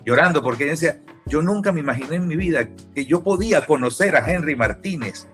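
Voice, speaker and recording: A man with a Venezuelan accent, an interview guest and musician, telling a lively story and acting out the people in it. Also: fairly high pitch, quick pace, soft background music. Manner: animated anecdote teller who acts out quoted dialogue. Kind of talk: casual storytelling.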